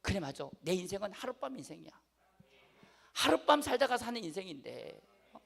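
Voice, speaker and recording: High, gravelly-voiced preaching man. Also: big pitch swings, fairly quick, a bit bright. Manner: emphatic, repeats phrases, asks the congregation "아시겠어요?". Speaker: pastor. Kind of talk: sermon.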